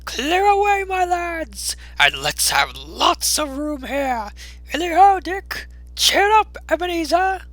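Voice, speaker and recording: Whooping, high, jolly old gentleman. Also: very animated, slow, no echo, faint music behind, full character voice. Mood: jovial, excited. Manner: booming, whooping calls. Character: jovial, hearty, fat old gentleman merchant.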